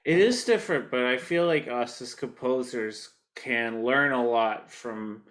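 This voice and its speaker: Male interviewer, mid-pitched, halting friendly questions. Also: a bit bright. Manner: hesitant, filled with "uh" and "um".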